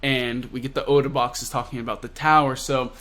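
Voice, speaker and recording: A young man casually and excitedly recapping a manga chapter, full of slang and fillers. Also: mid-range voice, brisk. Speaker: manga reviewer.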